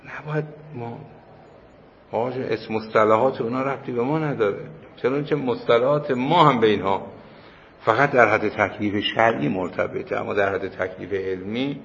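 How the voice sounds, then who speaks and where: A man's voice: mid-range voice, creaky, fairly bright tone. A man giving a religious lecture to a class in a casual, conversational way, telling anecdotes and repeating his points for emphasis. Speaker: cleric lecturer. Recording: muffled hall recording with faint noise.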